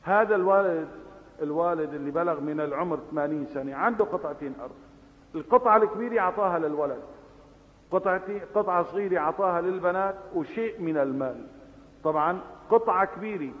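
A man with a Levantine Arabic accent delivering a sermon, passionate, moving between hushed asides and loud exhortation. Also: high voice. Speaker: preacher. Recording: phone-like, with long reverb.

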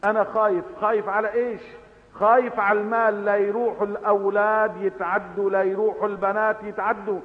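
A man with a Levantine Arabic accent delivering a sermon, passionate, moving between hushed asides and loud exhortation. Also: sits high, little pitch movement, fast. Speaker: preacher. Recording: phone-like, with long reverb.

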